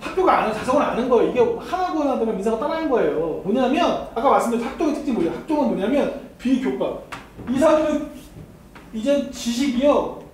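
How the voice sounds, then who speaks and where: A man's voice: extremely high pitch, expressive, fast talker. A man giving a university admissions seminar as an academy lecturer, teasing the students and speaking straight to them with frequent laughter. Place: seminar hall. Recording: very echoey hall, mic far off, faint noise.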